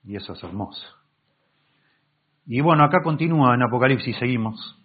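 A man's voice: mid-range voice, expressive, fairly quick, slightly rough. Pastor man preaching on tinny recording. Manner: reads scripture aloud and explains it, with many self-corrections. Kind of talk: Bible-teaching sermon.

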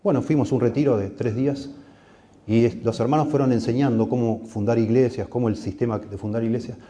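A man's voice: fairly even intonation, a little fast, dark tone. A middle-aged man with a Rioplatense Spanish accent preaching a sermon, earnest and pleading, his voice rising for emphasis. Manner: earnest, pleading, rises in pitch and volume for emphasis. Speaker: pastor.

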